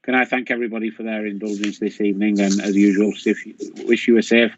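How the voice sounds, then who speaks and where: A man's voice: fairly low pitch, flat delivery, quick pace, slight background noise. A man chairing a council committee over a video call, firm and businesslike as he calls names and runs the vote. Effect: heard over a video call. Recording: dull muffled video-call audio.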